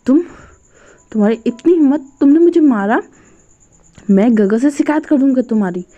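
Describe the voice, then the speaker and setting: A spoiled, clingy young man whines and stammers in a high, tearful voice, as a woman puts him on in a storybook retelling. The sound is a little dull and lo-fi. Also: lively intonation, normal speed, dark tone. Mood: pleading, indignant. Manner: whiny, stammering, tearful pleading.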